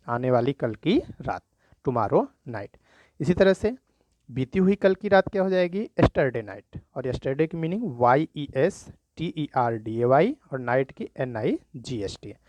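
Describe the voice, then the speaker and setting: A man teaching a children's spelling lesson, slowly spelling words letter by letter and often checking in with "thik hai". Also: medium pitch, darkish tone, dry recording.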